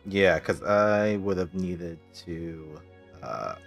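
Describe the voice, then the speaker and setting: A man's voice: deep voice, extremely slow, vocal fry, soft background music. A man playing a tabletop role-playing game, chatting casually at the table and partly speaking in character.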